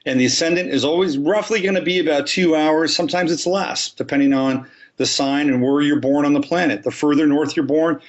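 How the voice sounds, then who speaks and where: On a podcast, a male astrologer walks through his subject methodically, taking examples one step at a time. He talks a little fast, in a voice on the high side, with hardly any pauses, and the audio is dull.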